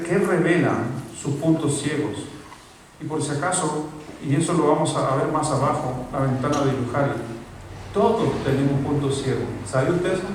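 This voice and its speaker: A man's voice: fairly high pitch, slight background noise. A man preaching a sermon as a pastor, talking conversationally and putting questions to his congregation. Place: church hall. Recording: echoey church hall from far off.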